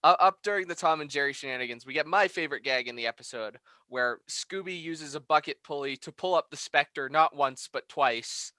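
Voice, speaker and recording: A man's voice: a little high, brisk, few pauses, bright, forceful tone, dry recording. A man co-hosting a podcast review, chatting casually, laughing often and swearing freely. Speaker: podcast co-host.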